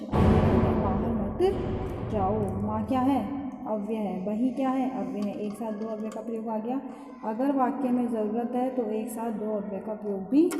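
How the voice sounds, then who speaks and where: A woman teacher talks through a lesson at a very slow, deliberate pace, explaining each word twice and answering her own questions. Her voice is dark and mellow, a little higher than most. The room is echoey, with a long tail of reverb and a faint hum behind her. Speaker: school Sanskrit teacher. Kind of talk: online class lesson.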